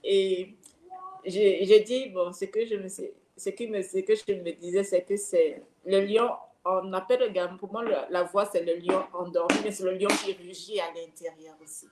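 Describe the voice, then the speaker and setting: A woman's voice: mid-range voice, steady tone, moderate pace, a little mellow. Woman guest, hesitant, echoey noisy room. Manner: searching for words, many fillers and restarts. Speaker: guest speaker. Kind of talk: live online talk.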